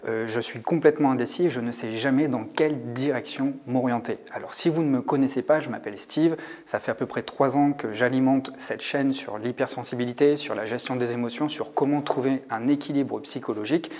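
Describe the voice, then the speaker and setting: A man's voice: mid-range voice, a little fast, hardly any pauses, a little mellow. Man in his forties, reflective, hesitant, thinking aloud, coach talking to camera. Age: 40s. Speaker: YouTube coach on hypersensitivity. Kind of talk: casual talk to camera. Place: rented room.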